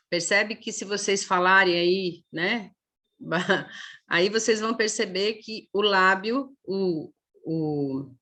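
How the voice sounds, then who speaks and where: Brazilian woman teacher, bright voice, explanatory lecture tone, drawn-out demo sounds. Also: mid-range voice. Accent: Brazilian Portuguese. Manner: explanatory, many "né?" tags, stretches sounds slowly to demonstrate. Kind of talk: online lecture.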